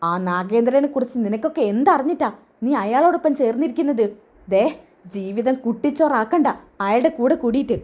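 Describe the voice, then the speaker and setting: A woman voicing a scheming, sharp-tongued middle-aged mother who mutters snide asides, in a retold serial story. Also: on the high side, lively intonation, brisk. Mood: defiant.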